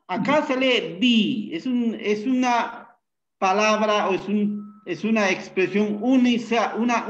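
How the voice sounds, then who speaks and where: A man teaching a Bible Hebrew class, unhurried, often pausing with fillers and checking in with tag questions. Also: high voice, muffled recording. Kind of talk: classroom lecture.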